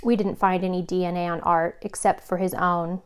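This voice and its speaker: A woman's voice: fairly low pitch, flat delivery, normal speed, clean tone, lightly acted. A woman reading an earnest male police chief. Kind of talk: audiobook character reading.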